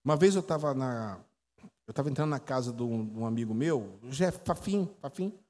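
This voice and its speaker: Brazilian pastor teaching in an echoey hall. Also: male voice, mid-range voice, expressive, normal speed, a little mellow. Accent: Brazilian Portuguese. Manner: chatty storytelling, quizzes the audience. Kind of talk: conversational teaching sermon. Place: church hall.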